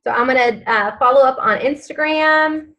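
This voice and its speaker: A woman's voice: high voice, normal speed, bright, forceful tone, dull audio. A woman leading a live online training session for her sales team, chatty and upbeat with lots of fillers, giving step-by-step instructions and repeating key phrases. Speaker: direct-sales team leader.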